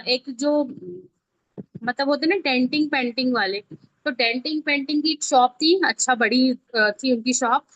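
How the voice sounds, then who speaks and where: This video editing teacher is a woman whose high-pitched, slightly bright voice carries an Indian accent. She walks learners through an informal online tutorial one step at a time, chatting conversationally and repeatedly making sure they understand. The recording has no room sound but is dull and lo-fi, typical of online class audio.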